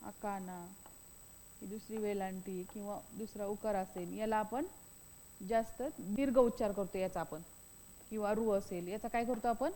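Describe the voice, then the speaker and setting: A woman's voice: mid-range voice, fairly even intonation, normal speed, mellow, big-room sound, a little hiss or hum, low-quality recording. A woman teaching a grammar lesson, repeating each point and asking questions that she answers herself. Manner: repetitive, asks and answers own questions.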